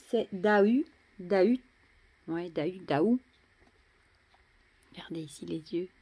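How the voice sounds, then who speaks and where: A French woman casually showing and admiring tarot cards, chatty, often dropping to a soft murmur. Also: mid-range voice. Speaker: tarot deck reviewer. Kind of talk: casual show-and-tell.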